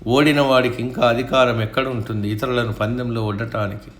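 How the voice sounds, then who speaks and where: A man's voice: mid-range voice, flat delivery, brisk, roomy sound, natural voice. A man voicing a wise, pained older counselor who rebukes a prince, in a storybook reading.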